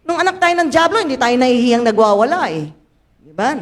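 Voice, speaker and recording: An older woman pastor with a Filipino accent, preaching a sermon in a church, mixing Tagalog and English, speaking straight to her congregation and rising suddenly into loud, dramatic lines. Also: high-pitched, very animated, brisk. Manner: addresses the congregation directly, asking them to raise hands.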